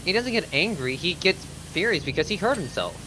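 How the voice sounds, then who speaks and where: A playful gamer in casual banter with friends. The pitch swings around in a lively, animated way, and there is clear noise behind the voice. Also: fairly quick. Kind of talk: casual banter while playing a video game. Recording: clearly noisy background.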